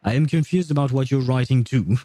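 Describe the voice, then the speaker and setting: Rambling and hesitant, with frequent chuckles, a male livestream host chats with viewers during a laid-back gaming stream. He talks fairly quickly in a warm, mid-range voice, and there's no room sound.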